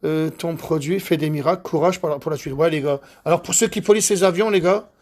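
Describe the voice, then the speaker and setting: Man, husky voice, high pitch, quick speech, boastful. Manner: excitable, boastful, rambling. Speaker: car detailer. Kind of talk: casual chat while working.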